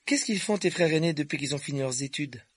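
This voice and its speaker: A man voicing a curious, soft-spoken orphan wizard boy. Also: on the high side, animated, fast, slightly rough, dry recording, voice pushed up. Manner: curious, turns cold when provoked.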